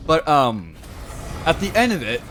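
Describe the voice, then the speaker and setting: A man's voice: a little high, huge pitch swings, unhurried, noisy background. A young adult man streaming a game, telling rambling, joking stories to his viewers with plenty of filler words. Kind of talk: casual chat with stream viewers.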